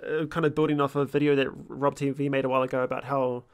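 A man, chatting informally and haltingly about games as a streamer, swearing casually. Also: mid-range voice, flat delivery, clear, resonant tone, no echo. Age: 20s. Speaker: streamer and host of a gaming series. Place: small room at home. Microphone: close desk microphone.

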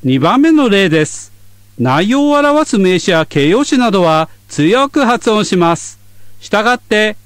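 A man teaching English on a radio lesson, explaining clearly in scripted narration. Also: high voice, sing-song, a little slow, fairly bright tone, no echo. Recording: dry studio sound.

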